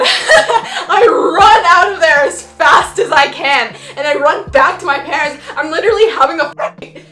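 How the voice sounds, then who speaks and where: Bright high-voiced young woman vlogger. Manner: rambling, full of "like" and "um", swears casually. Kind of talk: casual storytime chat to camera. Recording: roomy echo with faint background music.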